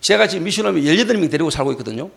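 Pastor guy, high voice swinging all over, acts out the yelling bits mid-sermon. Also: rapid-fire, gravelly. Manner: animated storytelling, acting out shouted quotes. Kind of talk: sermon with personal story. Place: church hall.

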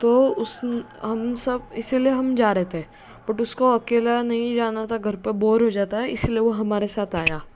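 A woman's voice: a little high, fairly even intonation, a little slow, a little mellow, slight background noise. A woman telling a story in a casual way, often stopping to search for words.

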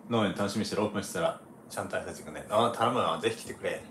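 A lowish male voice rattles along at a quick clip, easygoing and chatty, with frequent laughs as he answers viewer comments. The sound is roomy and echoey, with a faint hum of background noise behind him. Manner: relaxed, chatty, laughs often, frequent ね fillers. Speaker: livestream host, former baseball pitcher. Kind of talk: casual live chat reading viewer comments.

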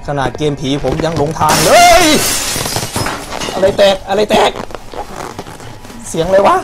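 Male let's-play host, slightly raised pitch, easily startled, shouts at the game over loud music. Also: measured pace. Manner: jumpy, yelps and swears, talks to the game. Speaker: gaming YouTuber.

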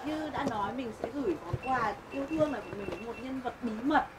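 A woman's voice: on the high side, expressive, fast talker, very noisy. A young woman hosting a vlog outdoors in a playful, teasing, casual chat. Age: young adult. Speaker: vlog host. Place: outdoors in a park pavilion by a road. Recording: music behind an outdoor vlog.

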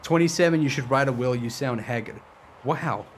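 Excitable profane young man streaming. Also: medium pitch, normal speed, a little hiss or hum. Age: 20s. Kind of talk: casual live-stream commentary.

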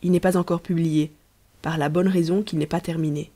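A woman reading a novel aloud as an audiobook narrator, in a measured storytelling manner. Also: fairly low pitch. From Belgium. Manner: measured storytelling, lively dialogue. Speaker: audiobook reader. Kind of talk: scripted narration.

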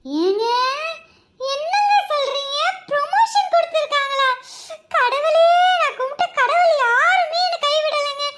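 A woman's voice: extremely high pitch, expressive, measured pace, heavy background noise. A woman playing a jealous, scolding wife who cries out and laments dramatically in a comedy skit. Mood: wheedling. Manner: dramatic lamenting, crying out to God. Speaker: comic actor in a skit.

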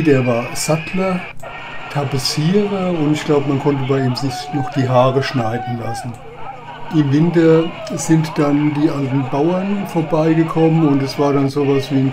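Over background music, a man gives chatty, reminiscing voice-over commentary on old home movies in a casual way. His voice is mid-range, and the audio quality is poor.

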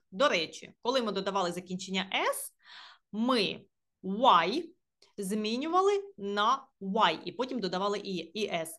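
A young woman gives an English grammar lesson on video. She reads each example slowly, then explains it with patience, and her pitch moves up and down a lot. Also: a bit bright. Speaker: English teacher.

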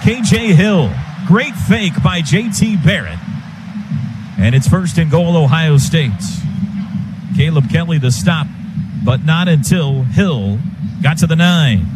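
Slow in pace yet animated, this American man's fairly high voice calls a football game live on radio. He works from a stadium radio booth, tracking the plays in clipped phrases, with loud stadium sound pressing in behind him.

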